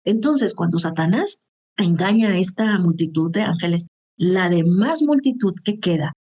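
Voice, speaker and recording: A woman's voice: on the low side, expressive, moderate pace, dark tone. A woman teaching the Bible in an earnest, conversational way, often checking in with her listeners. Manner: earnest, conversational, with frequent "¿sí?" and "¿verdad?" check-ins.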